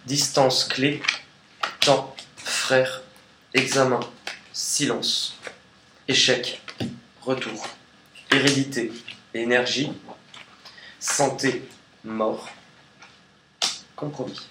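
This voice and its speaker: A man giving a relaxed, chatty tarot card reading in a casual video. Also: medium pitch, drawn-out words, long pauses. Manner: chatty and relaxed, sings snatches of songs. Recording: echoey room with faint noise.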